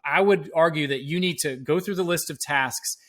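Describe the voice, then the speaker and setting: A man's voice: on the high side, normal speed. A middle-aged man, a guest on a business podcast, explaining his ideas patiently and in small steps, like a former teacher. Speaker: guest, education entrepreneur. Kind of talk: podcast interview answers.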